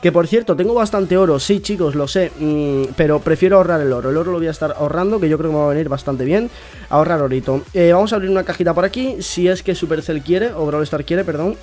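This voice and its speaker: A young man, chatting excitedly to viewers while opening game rewards. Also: on the high side, fast. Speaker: gaming YouTuber. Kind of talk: casual gameplay commentary.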